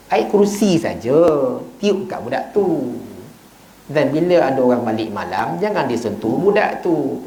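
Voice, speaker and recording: A man with a Malaysian Malay accent gives a relaxed evening lecture in a small mosque, acting out the people in his stories and joking between points. His voice sits at an ordinary middle pitch for a man. The prayer hall rings with echo, and there is a faint hum behind him. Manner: animated storytelling, acting out dialogues with joking asides. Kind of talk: informal sermon.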